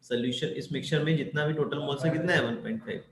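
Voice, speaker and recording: A man's voice: fairly high pitch, very fast, slight background noise. A man teaching chemistry, who asks his students questions and answers them himself, with English terms mixed into his Hindi. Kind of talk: explanatory lesson. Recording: echoey room with faint ambience.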